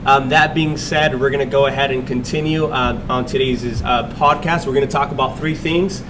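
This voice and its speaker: A man hosting a casual interview podcast in a restaurant, speaking in a relaxed way with many fillers and restarts. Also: medium pitch, moderate pace, recorded from a distance, background noise. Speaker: podcast host. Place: restaurant dining room.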